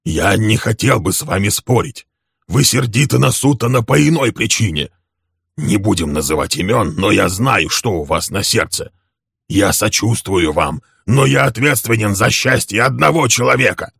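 Man doing a hoarse old man trying to keep order. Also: fairly low pitch, lively intonation, normal speed, a bit bright, no echo, clean studio sound, pitched above the performer's own voice, exaggerated voice. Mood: pleading. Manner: pleading then commanding. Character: older male host, stern and placating.

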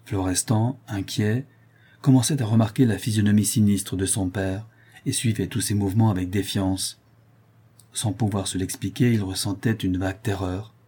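A man narrating a novel as an audiobook in a measured, dramatic reading style. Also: lowish voice, steady tone, mellow, slightly rough. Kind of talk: scripted narration.

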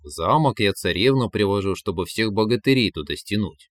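A man voicing Koschei, a sly, lazy male villain who drawls his lines low and slow. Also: animated, dry recording, clean studio sound, natural voice.

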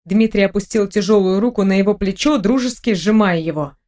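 Measured woman narrating an audiobook. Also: medium pitch, darkish tone. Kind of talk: scripted narration.

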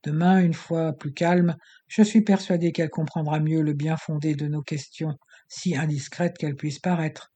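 A man voicing a cold, impassive male doctor who speaks calmly and firmly in an audiobook. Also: a little high, moderate pace, natural voice. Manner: calm, firm, icy.

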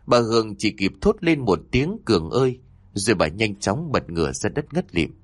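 Lively male horror storyteller. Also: normal speed, breathy edge, dry recording. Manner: voices characters with shifts in pitch. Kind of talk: scripted horror story narration.

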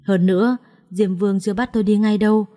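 A woman voicing a calm, teasing young husband who is ill, speaking gently and reassuringly. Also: mid-range voice, fast talker, natural voice.

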